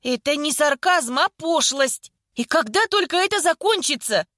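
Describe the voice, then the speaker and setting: A woman's voice: high-pitched, animated, moderate pace, fairly bright tone, no echo, studio quality, pitched above the performer's own voice. A woman voicing an earnest young woman who pleads and breaks into tears easily. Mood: upset, crying out.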